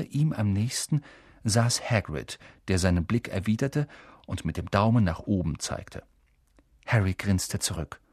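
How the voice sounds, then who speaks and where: A man narrating an audiobook in an expressive, storytelling manner. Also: fairly low pitch, slightly rough, no echo, clean studio sound. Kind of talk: scripted narration.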